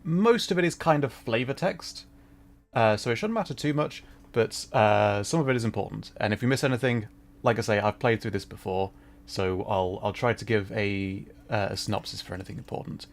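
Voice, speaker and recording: A man with a lowish voice and slightly fast delivery hosts a game livestream, chatting casually and joking with a light self-deprecating touch.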